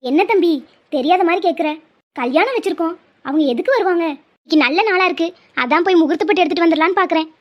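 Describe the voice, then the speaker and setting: Talking fast at an extremely high pitch, a woman portrays a stubborn, emotional cartoon mother of middle age. The mom pleads and guilt-trips melodramatically, and the sound is muffled lo-fi.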